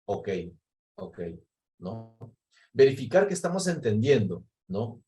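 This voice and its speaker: A man's voice: mid-range voice, big pitch swings, slow pace, mellow. A man leading a recorded training session, explaining step by step and often checking in with a questioning tag. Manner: explanatory, often tags phrases with ¿no?; acts out example replies in quoted voices. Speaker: workshop facilitator.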